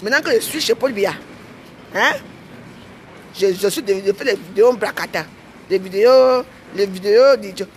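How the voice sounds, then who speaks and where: A woman's voice: mid-range voice, normal speed, pauses often, a little hiss or hum. Indignant Cameroonian woman ranting. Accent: Cameroonian French. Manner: indignant, repeats herself, ends phrases with "hein". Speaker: vlogger. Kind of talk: heated rant to camera.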